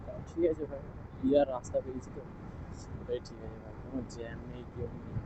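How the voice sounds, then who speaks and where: A man vlogging as a bike taxi rider, speaking quietly in casual chat while riding through city streets. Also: medium pitch, fairly even intonation, quick pace. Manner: talks quietly because his mic distorts. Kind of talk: casual ride-along vlog chat. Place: outdoors on a scooter in city traffic. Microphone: action camera mic while riding. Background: wind and traffic noise.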